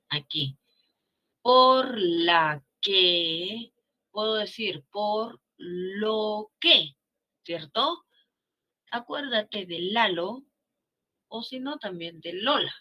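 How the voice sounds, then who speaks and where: A woman's voice: lowish voice, sharp tone. A woman teacher with a Peruvian Spanish accent giving a grammar lesson, coaxing students along with frequent check-in questions.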